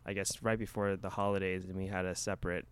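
A man's voice: low-pitched, flat delivery, fast talker, smooth, no room sound. A man co-hosting a casual film review podcast, rambling along with lots of "like"s and restarts. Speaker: podcast co-host.

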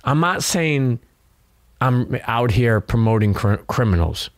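Taking it slowly, a man from Brooklyn, New York, with the accent to match, shares candid stories as an interview guest. His mid-range voice has lively intonation, and he talks in a streetwise, profane way, saying "you know" often. It's a dry recording.

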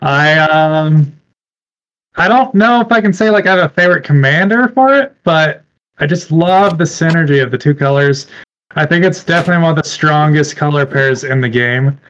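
A man's voice: a little high, lively intonation, normal speed, a bit bright, lo-fi sound. A man in casual chat, easygoing and a bit hesitant.

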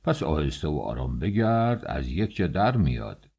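A man voicing a middle-aged male office chief in an audiobook, speaking in a soft, soothing, patronizing way. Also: extremely low pitch, very animated, vocal fry, breathy edge, pitched below the performer's own voice, exaggerated voice. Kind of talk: audiobook character voice.

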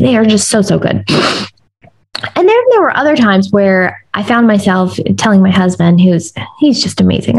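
A woman's voice: medium pitch, gravelly, a little mellow, slightly rough, poor audio. A young woman from the United States chatting candidly to her listeners in casual first-person storytelling. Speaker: vlogger sharing personal stories.

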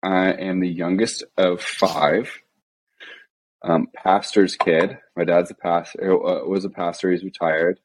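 Deep-voiced deadpan man. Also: takes it slowly. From Midwest. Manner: monotone, deadpan, many fillers. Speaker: podcast guest. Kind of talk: casual podcast chat.

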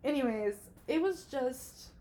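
A woman in her early twenties with a high, warm voice speaks a little slowly and animatedly. Hosting a casual solo podcast, she rambles emotionally and says "like" a lot.

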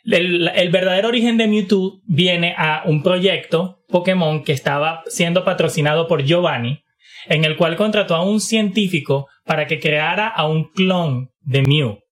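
Higher-voiced man telling a story. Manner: animated storyteller, quick bursts, restarts mid-phrase. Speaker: podcast co-host. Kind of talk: casual chat.

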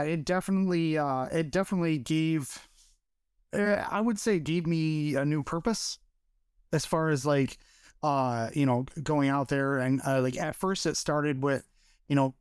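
A man from Michigan speaks as a podcast guest, searching for words with frequent fillers and self-corrections. His voice sits a little high and sounds smooth and resonant. The recording is dry and close. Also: a little mellow, dry recording. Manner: hesitant, many fillers and restarts, laughs easily. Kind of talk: casual interview chat.

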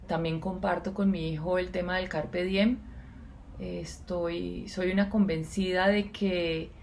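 Mom in her 40s, calm reflective podcast talk, light hiss behind. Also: medium pitch. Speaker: podcast co-host. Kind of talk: casual podcast intro.

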